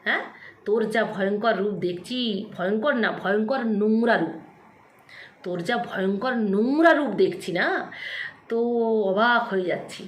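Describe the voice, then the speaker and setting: A woman's voice: mid-range voice, moderate pace, pauses often. A woman vlogger delivering an angry, taunting rant straight to the camera, scolding and repeating herself. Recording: echoey room.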